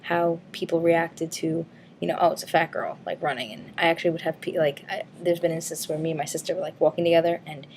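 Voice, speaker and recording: Rambling, frank woman vlogger, slightly low voice. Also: fairly even intonation, quick pace, darkish tone, slight background noise. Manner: rambling, frank, swears casually, lots of ums and likes. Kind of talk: casual weight-loss update vlog.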